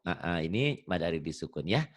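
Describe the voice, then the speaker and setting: A middle-aged man teaching Quran reading in an online lesson, explaining patiently in a chatty way and chanting recited verses slowly. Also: low voice, very animated, no room sound.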